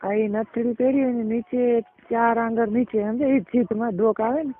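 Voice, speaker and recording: On a recorded private phone call, a woman with a Gujarati accent chats casually and colloquially, explaining things and often checking that the listener is following. Her voice is on the high side, steady in tone, at normal speed. The narrowband audio sounds muffled.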